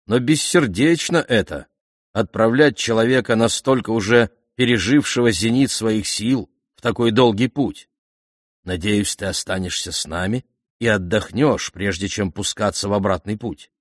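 A man's voice: fairly low pitch, unhurried, dry recording, studio quality. A man voicing a courteous but vain king who speaks in a regal, declamatory way.

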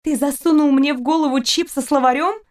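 A woman's voice: sits high, steady tone, a little fast, pitched above the performer's own voice, lightly acted. A woman voicing a frightened young woman abducted to space in an audiobook, speaking in a pleading, agitated way.

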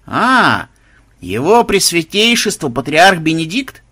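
A man's voice: fairly high pitch, sing-song, slow, sharp tone, slightly rough, full character voice. A man voicing a shy, evasive middle-aged male craftsman who talks meekly. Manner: meek, evasive.

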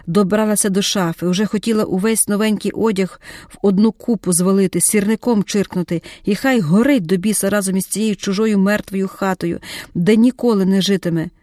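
A woman reading a dramatic audiobook in a measured, vivid storytelling voice. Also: mid-range voice, mellow, no room sound, clean studio sound. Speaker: audiobook narrator.

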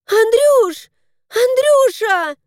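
A woman's voice: sits high, big pitch swings, slow pace, a little mellow, dry recording, clean studio sound, voice pushed up, heavily acted. A woman voicing a cheerful, affectionate young wife who gushes in exclamations in an audiobook. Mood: gushing. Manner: gushing, exclamatory.

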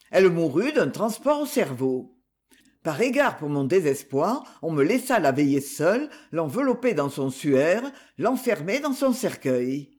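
A man voicing a slight, calm husband who tells a grim story in a light, coolly ironic tone, read as an audiobook. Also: fairly high pitch. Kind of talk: audiobook reading.

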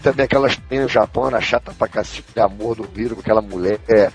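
A man's voice: fairly low pitch, rapid-fire, muffled recording, music in the background. A man with a Brazilian Portuguese accent recommending TV shows with enthusiasm in casual podcast banter.

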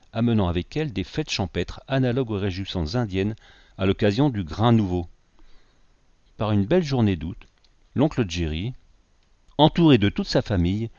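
A man with a low voice reads a novel aloud in a measured, expressive way. The recording is dry and close, with a slightly dull, muffled top end. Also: no echo. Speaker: audiobook narrator. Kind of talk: scripted narration.

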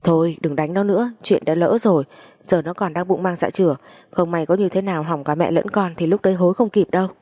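A woman voicing a neighbor woman who rushes in to stop a beating. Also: fairly low pitch, warm tone, dry recording, clean studio sound, natural voice. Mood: urgent. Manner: urgent, pleading. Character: neighbor woman, calming peacemaker.

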